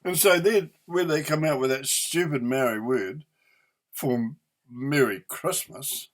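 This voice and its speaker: Speaking unhurriedly at medium pitch, an older New Zealand man in his eighties delivers an unscripted, angry vlog rant, swearing and hammering his stressed words with indignant emphasis.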